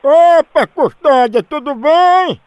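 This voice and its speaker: Male prank-show host, high and lively. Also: slow, no room sound, lo-fi sound. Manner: teasing, playful, goading. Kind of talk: comedic prank call.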